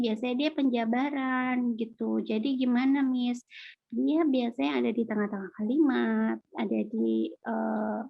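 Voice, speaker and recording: A woman's voice: a little high, vocal fry, highs cut off. A woman English teacher with an Indonesian accent, casually explaining grammar and answering student questions in an online class.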